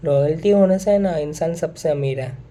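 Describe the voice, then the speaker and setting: Very dark-voiced young man venting. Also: fairly high pitch, normal speed. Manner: earnest, repeats himself, mixes in English phrases. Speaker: vlogger. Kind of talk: casual monologue to camera.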